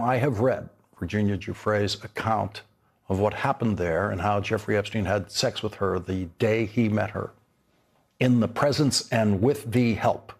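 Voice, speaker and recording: An older man delivering scripted news commentary as an anchor, emphatic and indignant with deliberate phrasing. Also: lowish voice.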